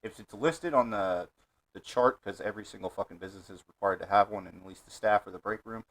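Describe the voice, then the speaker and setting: A man's voice: fairly low pitch, fast talker, a bit bright, low-quality recording. A man co-hosting a reaction stream in casual chatter, crude and swearing a lot. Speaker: co-host reacting to a video.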